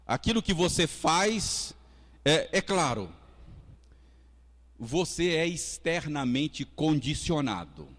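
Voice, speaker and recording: Man, Brazilian Portuguese accent, pastor, Sunday school sermon, conversational, church reverb. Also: fairly high pitch. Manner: lively, conversational preaching with audience asides and acted quotes. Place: church hall.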